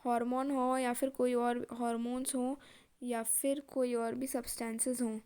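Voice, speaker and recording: A young woman teaching a revision lesson, reading English definitions slowly and then explaining them in casual Hindi. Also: fairly high pitch, flat delivery, a little mellow, clear, resonant tone.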